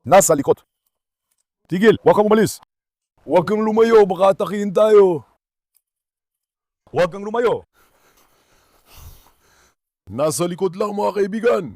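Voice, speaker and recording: Urgent high-voiced man calling his dogs. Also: a little slow, long pauses, dry recording, clean studio sound. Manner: urgent, calls out to his dogs, alternates loud shouts and hushed warnings. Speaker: vlogger and dog owner. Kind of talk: tense outdoor adventure vlog narration. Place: forest at night.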